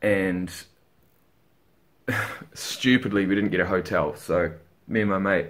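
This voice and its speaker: A young man with a somewhat low voice talks casually and tiredly into a webcam at home. He rambles loosely and swears offhandedly, like a regular fitness vlogger catching his viewers up. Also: fairly bright tone. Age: young adult. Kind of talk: casual vlog chat. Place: bedroom at home, indoors.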